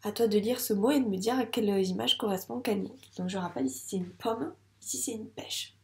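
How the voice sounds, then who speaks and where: A woman's voice: medium pitch, brisk, a little mellow, roomy sound. A French-accented woman teaching young children to read, speaking patiently and sounding out syllables with care. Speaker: primary school teacher. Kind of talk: slow, clear teaching video for young children.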